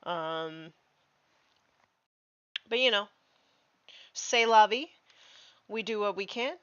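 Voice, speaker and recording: Slow chatty woman painting minis on stream, lots of ums, dull dry mic. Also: medium pitch, clear, resonant tone, no echo. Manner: relaxed and chatty, many fillers, baby-talks to her dog. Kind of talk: casual live-stream chat while painting.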